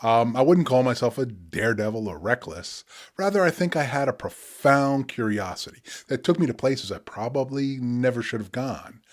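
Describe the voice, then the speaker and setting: A man's voice: mid-range voice, lively intonation, normal speed. A man in his sixties talking reflectively to an audience, conversational and explanatory, as a poet presenting his work.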